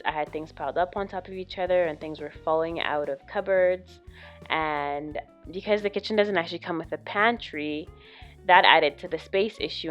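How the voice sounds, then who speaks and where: A woman's voice: low-pitched, highs cut off. A young adult woman talking in a chatty vlogger style, explaining home DIY projects directly to her viewers. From lives in Canada. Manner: chatty, instructional, addressing viewers.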